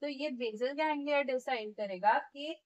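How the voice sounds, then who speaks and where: A woman's voice: sits high, slow, dull audio. A woman teaching physiotherapy in a step-by-step classroom lecture, often checking in with her students and demonstrating movements as she explains.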